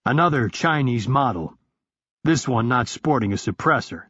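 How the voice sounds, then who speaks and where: Husky man narrating a thriller. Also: medium pitch, lively intonation, normal speed, a bit bright, no room sound, highs cut off. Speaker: audiobook narrator. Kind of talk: first-person thriller narration.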